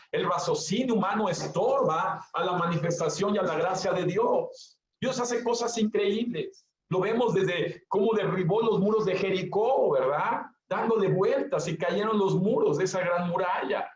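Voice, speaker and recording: A male pastor preaching a sermon, stressing points through repetition and speaking straight to his listeners. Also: high-pitched. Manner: emphatic repetition, addresses listeners directly. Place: church hall. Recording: echoey, dull lo-fi church recording.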